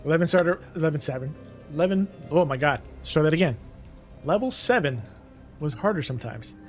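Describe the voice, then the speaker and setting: A man's voice: a little high, animated, fairly quick, soft background music. A man chatting casually during a co-op game, laid-back, trailing off and laughing now and then. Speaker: co-op gaming partner. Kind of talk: casual gaming chat.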